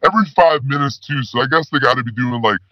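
A man playing a rambling, slang-talking male spy who calls in with his voice pitched down. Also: quick pace, no room sound. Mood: laid-back. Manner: stoner slang, rambling, laid-back. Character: slacker male spy caller with disguised voice. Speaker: caller. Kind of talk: comedy call-in sketch. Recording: dull lo-fi phone call.

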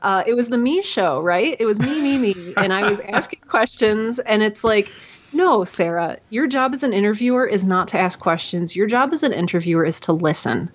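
Speaking from a towel-hung room at home, a woman who makes audio dramas chats as a podcast interview guest. Her medium-pitched voice is animated and moderately paced, and she's casual and self-deprecating, with many fillers and restarts.

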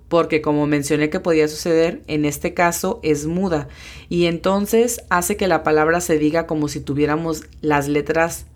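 Woman, deep voice, patient lesson host who breaks pronunciation down slowly. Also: a little mellow. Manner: patient, explains step by step, slows down to spell out sounds. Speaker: English teacher hosting a lesson podcast. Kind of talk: bilingual language lesson.

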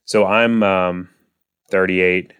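A man in his thirties hosts a finance podcast alone, chatting in a relaxed, casual way full of fillers and restarts. His voice is low and smooth, and he talks slowly.

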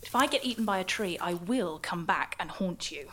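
A young woman playing a playful, easily frightened camper scared of the dark in a comedy audio drama. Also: fairly low pitch, lively intonation, moderate pace, slight background noise.

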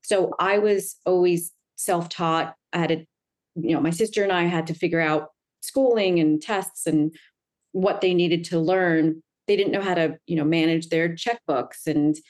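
A woman's voice: fairly low pitch, measured pace, darkish tone. A middle-aged woman from the United States, a guest coach, speaking earnestly and fluently in a conversational interview, often checking in with "right?". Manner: earnest, fluent storytelling with frequent "right?" tags.

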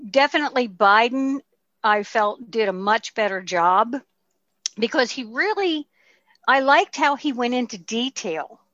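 A woman's voice: medium pitch, a bit bright, dry recording. A middle-aged woman co-hosting a casual political chat show with her son, chatty and full of "um"s. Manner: chatty, frequent fillers. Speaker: podcast co-host. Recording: slightly dull, muffled audio.

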